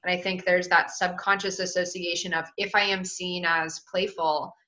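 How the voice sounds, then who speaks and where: A woman's voice: fairly low pitch, flat delivery, normal speed, pushed and bright. A woman in her thirties who runs a healing business, speaking reflectively in casual chat. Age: 30s. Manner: reflective, searching for words. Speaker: business owner in a healing practice. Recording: dull lo-fi sound.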